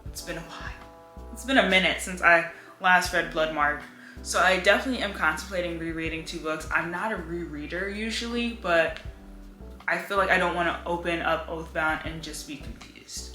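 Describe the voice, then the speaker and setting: A woman's voice: sits low, pushed and bright. A young woman chatting casually about books in a home room, filling her talk with "like.". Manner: chatty, lots of "like" fillers. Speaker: book vlogger. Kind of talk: casual chat. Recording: echoey room with faint music.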